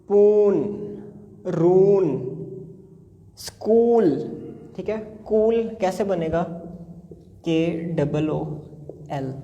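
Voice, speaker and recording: A man teaching English spelling sounds in a phonics lesson, slowly drawing out each word. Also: high-pitched, warm tone, long reverb tail. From Punjab, Pakistan. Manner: slow drawn-out sounding of words.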